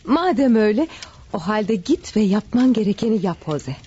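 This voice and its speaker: Manuela, a husky coy temptress. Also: female voice, mid-range voice, big pitch swings, moderate pace, dark tone, lo-fi sound. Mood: coaxing. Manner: coy, teasing, manipulative. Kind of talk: 1970s-style radio drama acting.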